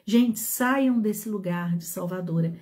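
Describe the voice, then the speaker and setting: A woman's voice: mid-range voice, slow, a little mellow. A Brazilian woman teaching about relationships, speaking straight to her listeners and often checking that they follow. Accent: Brazilian Portuguese. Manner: talks to listeners directly, with frequent check-ins. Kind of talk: didactic talk to an audience.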